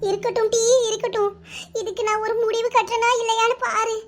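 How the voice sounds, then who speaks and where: A betrayed village wife wails and rants in a piercing, very high cartoon voice, as a woman acts her out. She speaks with a Kanyakumari Tamil accent and pours out her grievances in broad, melodramatic lament. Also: flat delivery, a little fast. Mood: vengeful. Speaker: voice actor. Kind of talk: cartoon voice acting.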